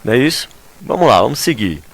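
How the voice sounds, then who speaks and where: A man with a Brazilian Portuguese accent teaching a recorded language class, lively and chatty, often checking in with his students. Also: mid-range voice, fast talker. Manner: lively, chatty, with frequent tag questions to students. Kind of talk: recorded remote class lesson.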